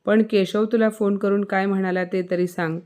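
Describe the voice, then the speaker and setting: A woman voicing a protective middle-aged mother who speaks calmly. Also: mid-range voice, normal speed, natural voice. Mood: soothing.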